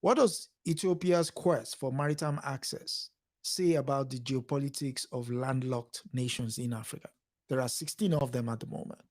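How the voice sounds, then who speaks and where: A male host leads a relaxed interview and poses thoughtful, open questions to his guest. He backs the conversation with quiet murmurs of agreement, and his voice sits at an ordinary middle pitch. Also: normal speed. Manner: poses reflective questions, frequent listening murmurs.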